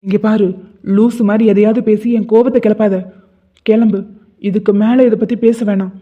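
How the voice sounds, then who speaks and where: A man voicing an irritated young husband in an animated drama, curt and dismissive. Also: high voice, normal speed. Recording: tinny phone-like sound.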